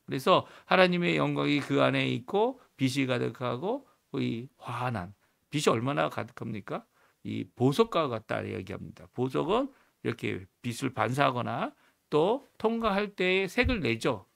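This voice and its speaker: A man's voice: mid-range voice, animated, normal speed, creaky, a bit bright. A man pastor giving an earnest teaching sermon at a morning prayer service, stressing words with rising emphasis. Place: church, morning prayer livestream.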